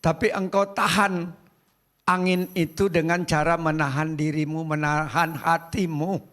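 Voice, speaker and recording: High-voiced, slow-preaching pastor man. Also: little pitch movement, a bit bright. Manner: emphatic, repeating phrases, pausing between words. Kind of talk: sermon. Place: church service, live-streamed.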